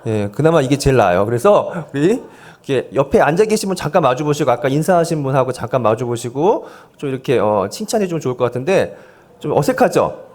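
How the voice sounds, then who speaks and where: Fast and sing-song, with a mid-range, darkish voice, a forties-aged pastor leads a volunteer seminar from the sanctuary pulpit on a handheld microphone. The sermon is playful, with audience games, jokes, light coaxing of the congregation, and jokes at his own expense.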